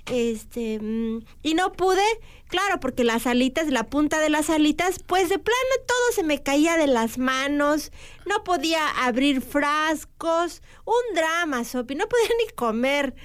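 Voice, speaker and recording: Brief: a woman playing a high-pitched female seagull, cute diminutives, kids' radio show. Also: expressive, measured pace. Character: female seagull, sore and good-humored. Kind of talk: children's radio character show.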